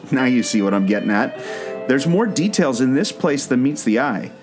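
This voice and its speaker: With a mid-range voice, a moderate pace, and large pitch swings, this man earnestly walks the listener through a mystery in storyteller fashion. The scripted audio play features him, a podcast co-host and former theme park skipper, over plucked guitar.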